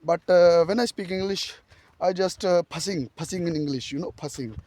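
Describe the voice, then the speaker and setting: Pakistani-accented man in halting English. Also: sits high, darkish tone. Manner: halting broken English with many filler uhs, laughing at himself. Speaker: village vlogger. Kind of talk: casual vlog to camera. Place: outdoors at a village farmhouse among animals.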